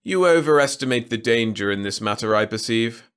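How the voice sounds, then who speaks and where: A man voicing a haughty male alien emperor who speaks in a slow, commanding manner. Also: medium pitch, lively intonation, fairly bright tone, smooth, natural voice. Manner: haughty, commanding, drawn-out delivery.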